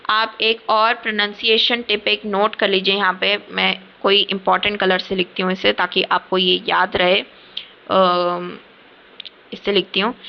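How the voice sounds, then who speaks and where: A woman gives a casual beginners' lesson, patient and often checking that her viewers follow. Her voice sits at a middle pitch. The audio is a bit dull and lo-fi, like a simple desk mic on a screen recording. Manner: patient, repeats "theek hai" often. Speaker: language teacher.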